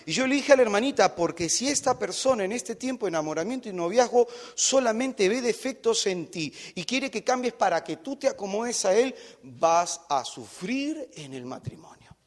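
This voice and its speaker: A man with a high voice preaches with animated storytelling, slipping into the voices of the people in his tales. He addresses the women before him directly and earnestly. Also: normal speed, hardly any pauses. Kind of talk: sermon.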